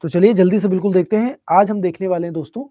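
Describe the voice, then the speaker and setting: Calm soft-spoken guy teaching an online class, a bit high but mellow voice, dry close sound. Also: very fast, no echo. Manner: reads out student chat questions and answers them. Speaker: online exam-prep teacher. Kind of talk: live online class, chatting with students.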